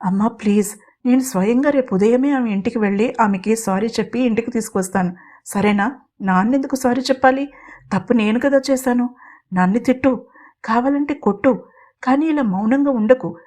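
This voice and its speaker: A woman's voice: fairly high pitch, moderate pace, a little mellow, close to an everyday voice. Woman voicing a remorseful young son. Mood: pleading. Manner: pleading, apologetic.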